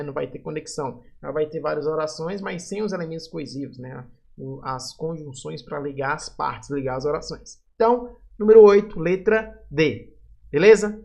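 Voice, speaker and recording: A man teaching grammar on video, working through exam questions in a lively, emphatic way and answering his own questions. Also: high-pitched, creaky.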